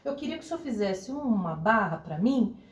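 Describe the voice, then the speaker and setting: A woman's voice: fairly high pitch, moderate pace. A middle-aged woman, a podcast guest, telling a story in casual conversation and acting out the voices in the dialogue she quotes. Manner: animated, acts out quoted dialogue. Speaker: podcast guest, pole dance entrepreneur. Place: theater studio. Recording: echoey room, mic at a distance.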